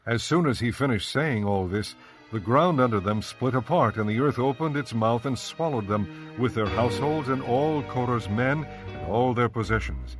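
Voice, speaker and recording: A man narrating scripture in an even, measured storytelling manner, with faint music behind. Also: medium pitch.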